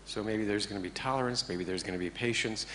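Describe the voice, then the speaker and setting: A man with a somewhat low voice leads a meditation class in an easy, conversational way. He mixes dry jokes into the lesson and keeps checking that his listeners are following. A faint hum sits under his speech. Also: quick pace, fairly bright tone. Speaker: meditation teacher. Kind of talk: informal talk to a class.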